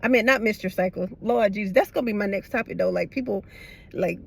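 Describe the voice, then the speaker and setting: Chatting casually to viewers in a parked car, a middle-aged woman vlogger sounds tired as she rambles bluntly with slang, her retainers lending a slight lisp. Her medium-pitched voice is quick, slightly rough, and marked by vocal fry.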